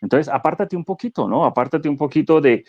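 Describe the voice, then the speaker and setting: A man speaking as a guest neuro-coach in a conversational webinar, animated and explanatory, asking rhetorical questions. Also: fairly high pitch, a little fast, no echo, muffled recording.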